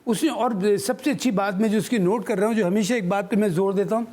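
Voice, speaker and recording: A man's voice: sits high, brisk, a little mellow. An older man, a former chief selector giving emphatic studio cricket analysis and dropping in English phrases.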